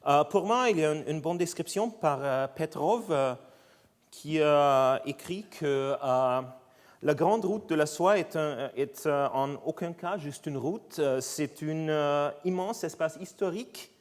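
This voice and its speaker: Halting man lecturing in foreign-accented French. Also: on the high side. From Austria. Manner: halting, searching for words in a non-native language. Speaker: visiting scientist giving a guest lecture. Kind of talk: academic lecture. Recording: lecture hall with long reverb.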